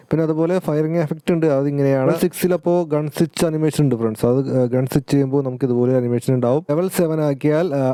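Rapid-fire dark-voiced male gamer vlogger. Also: a little high, clear, resonant tone, dry recording. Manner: chatty, keeps addressing viewers as friends and guys. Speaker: gaming YouTuber. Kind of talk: casual game update commentary.

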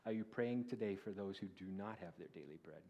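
A male guest preacher giving a sermon in a church, asking the congregation questions and rising to loud, high declaiming when he quotes scripture. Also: brisk. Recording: dull lo-fi recording.

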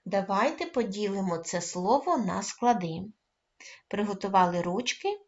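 A woman teaching a first-grade reading lesson, coaxing the children and praising them often, calling out words loudly and stretching their syllables. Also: medium pitch, animated, measured pace, highs cut off. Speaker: primary school teacher.

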